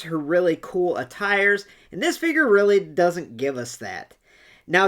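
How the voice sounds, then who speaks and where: An opinionated video host with a medium-pitched voice. The delivery is chatty and casual, made for a collector's countdown commentary.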